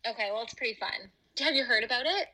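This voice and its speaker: A woman's voice: a little high, lively intonation, fast talker, sharp tone, poor audio. A woman co-hosting a casual podcast chat, her voice coming from a phone on speaker and re-recorded by a microphone, chatty with lots of "like" fillers. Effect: voice from a phone on speakerphone, re-recorded by a mic. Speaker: podcast co-host. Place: at her home. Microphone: phone on speaker, picked up by the other host's microphone.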